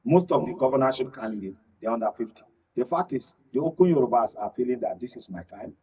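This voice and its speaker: Speaking fast with lively intonation, a Nigerian-accented man lends his dark, husky, medium-pitched voice to a political panel discussion as a guest analyst. His lengthy explanations lean on repeated phrases for emphasis, captured in a dull, distant studio recording.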